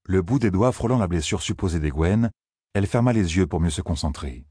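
A man narrating a fantasy audiobook in a steady, measured storytelling voice. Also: sits low, slightly rough, no echo, clean studio sound.

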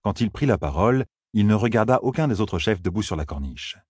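A man narrating an audiobook in a steady, even reading manner. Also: fairly low pitch, a little fast, husky, no echo, studio quality.

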